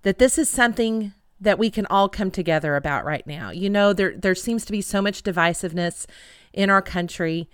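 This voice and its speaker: A woman's voice: medium pitch, no echo, studio quality. A woman in her fifties hosting a podcast, chatting conversationally through introductions and interview questions. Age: 50s. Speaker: podcast host.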